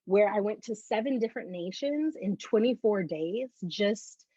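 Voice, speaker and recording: A bubbly woman with a breathy, slightly husky voice recounts her faith testimony as an interview guest. She tells the story in an animated way. The recording is dry and a little dull, lo-fi. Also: medium pitch, normal speed, no echo.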